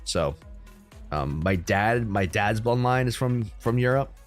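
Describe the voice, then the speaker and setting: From his room at home, a young man from the United States runs a relaxed crypto livestream, talking to viewers in a meandering style packed with ums and likes. He sounds a little low-pitched, animated, and a little slow, with soft music behind him.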